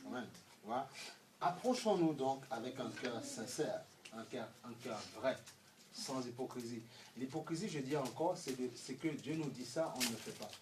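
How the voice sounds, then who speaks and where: A man preaching a sermon with fervor, dropping to hushed asides and rising to shouts, firing rhetorical questions at the congregation. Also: mid-range voice, normal speed. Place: church hall. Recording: echoey room, distant mic, faint noise.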